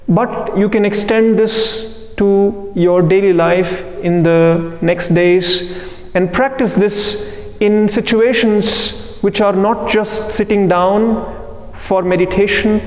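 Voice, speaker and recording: Male meditation guide, very slow delivery with pauses, recorded in an echoing room. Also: high voice. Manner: unhurried phrasing with frequent pauses. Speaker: meditation teacher. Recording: echoey room with long reverb.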